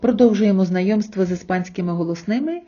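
A woman teaching a language lesson online, explaining patiently step by step and slowing down to sound out example words. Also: mid-range voice, dark tone, lo-fi sound.

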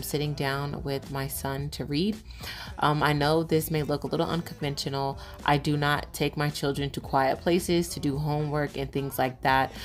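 Brief: woman in her thirties, low voice, casual vlog voice-over, lots of "um", faint music under. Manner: chatty, many "um" fillers. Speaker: vlogger, mother.

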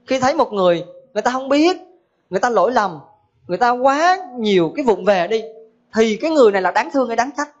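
A woman's voice: fairly high pitch, expressive, fast, soft background music. A woman giving a humorous Buddhist dharma talk in a folksy manner, full of rhetorical questions. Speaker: Buddhist teacher. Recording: dull lo-fi recording.

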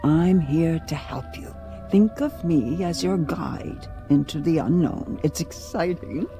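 Spooky old lady fortune teller from a video game, slow and mysterious, kinda coaxing, bit of music behind. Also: low-pitched, dark tone. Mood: eerie welcome. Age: older. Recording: music faintly underneath.

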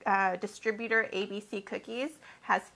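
A young woman guest chats casually in an indoor living room with a window, recommending things in a friendly way. Her medium-pitched voice is steady, creaky and a bit bright, at a moderate pace, with a little hiss or hum.

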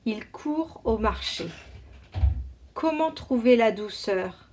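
Slow, expressive woman reading a storybook. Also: on the high side, slight background noise. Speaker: teacher reading aloud. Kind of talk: picture-book read-aloud for young children.

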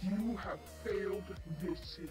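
A woman putting on a grim hooded vigilante archer through a voice changer that lowers the voice, low and menacing. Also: takes it slowly, roomy sound, recorded from a distance, music in the background. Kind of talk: costume video skit.

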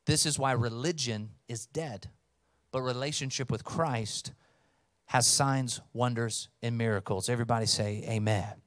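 A man's voice: mid-range voice, unhurried, no echo, clean studio sound. A man in his thirties preaching a sermon as pastor, speaking emphatically into a handheld mic on a church stage and calling out to the congregation. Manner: emphatic, rising to loud calls for response. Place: church stage with blue lighting. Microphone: handheld microphone.

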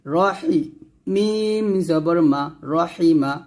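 A man's voice: fairly high pitch, extremely slow, a little mellow. A man with a Bangladeshi accent teaching Quran reading, spelling each Arabic letter with its vowel mark and then blending the syllables into words. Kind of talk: slow spelled-out recitation lesson.

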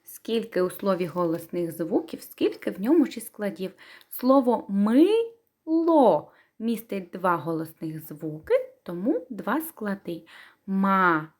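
A woman's voice: medium pitch, sing-song. Sing-song woman teaching young children. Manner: gentle, slow and sing-song, splitting words into syllables for children. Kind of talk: children's literacy lesson with a told tale. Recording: echoey room.

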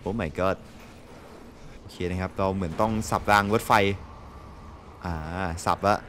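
A young man with a Thai accent giving excitable gameplay commentary. He laughs often and swears mildly. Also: deep voice, slow pace, slight background noise. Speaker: gameplay streamer. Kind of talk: casual let's-play commentary.

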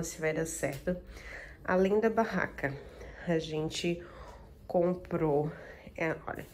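A woman's voice: low voice, vocal fry, slight background noise. A young woman, vlogging her day and showing viewers what she bought, talking into a phone held at arm's length. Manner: chatty, walks viewers through her day. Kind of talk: casual vlog narration. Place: shopping mall, then bedroom at home.

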